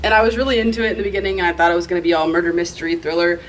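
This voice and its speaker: A woman's voice: fairly low pitch, little pitch movement, very fast, slight background noise, rough recording. Chatty woman librarian, casual book talk. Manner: chatty, rambling, frequent "like". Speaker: librarian and podcast co-host.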